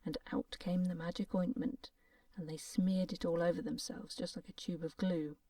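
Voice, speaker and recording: A woman reads a fairy tale in a gentle, playful, soft-spoken way, slipping into half-whispers. Her voice is low and warm. The recording is dry and a little distant from the mic. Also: little pitch movement, moderate pace, no room sound. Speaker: storyteller.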